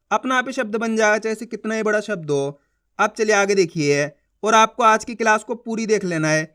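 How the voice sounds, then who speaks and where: A man teaching Hindi reading in an online lesson, slowly sounding out syllables, getting louder on them, and often asking if it is clear. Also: high voice. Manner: slow, stretched syllable-by-syllable sounding out; repeats questions to check understanding.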